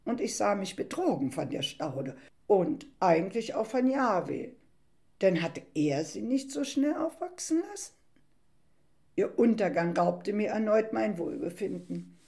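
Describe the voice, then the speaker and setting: A woman retelling a Bible story in the first person and then reflecting on it in a calm, thoughtful way. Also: medium pitch, measured pace, creaky.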